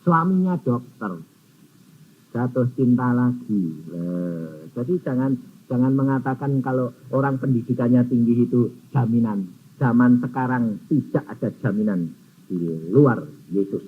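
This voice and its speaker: A man preaching a storytelling sermon, acting out conversations with sudden high squeals and low murmurs. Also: measured pace, breathy edge. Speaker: evangelist preacher. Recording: muffled phone-like sound with faint noise.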